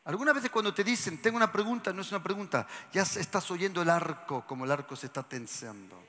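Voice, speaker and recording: A pastor preaching to his congregation, moving hushed whispers to shouts and asking the crowd questions. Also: high-pitched, expressive, quick pace. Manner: asks the congregation questions and has them repeat lines. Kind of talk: lively sermon to a congregation. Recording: church hall with long reverb.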